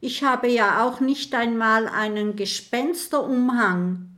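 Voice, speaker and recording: A woman's voice: fairly high pitch, slow, fairly bright tone, voice pushed up. A woman voicing a shy, clumsy little male ghost who stammers and mixes up names. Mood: flustered sheepish.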